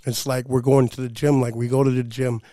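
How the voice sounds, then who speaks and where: A man with a relaxed, mellow voice delivers an informal podcast monologue. He talks straight to the listeners in a loose, rambling, reflective way. His voice sits in a middle register, recorded close and dry. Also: mid-range voice, fairly quick, no echo. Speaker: podcast co-host giving a recorded segment.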